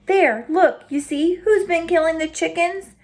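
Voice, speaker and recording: A woman's voice: very high-pitched, measured pace, a little mellow, voice pushed up. A woman voicing a stern, disappointed male rancher who scolds his dog.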